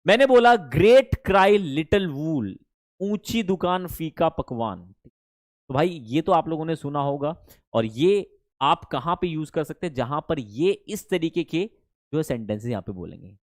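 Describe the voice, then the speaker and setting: A man with an Indian accent and a fairly high voice teaches a spoken English class online at a normal pace, with no room sound in the recording. He is animated and coaxing, often checking that his students follow and repeating "ठीक है ना?".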